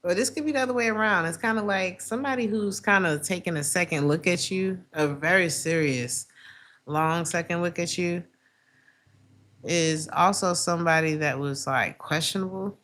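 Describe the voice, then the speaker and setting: A woman with a raspy smoker's voice, chatting casually and playfully as she gives a live tarot reading. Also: on the low side, normal speed, a bit bright. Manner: playful, breaks into song lyrics and acted asides. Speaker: tarot reader hosting a livestream.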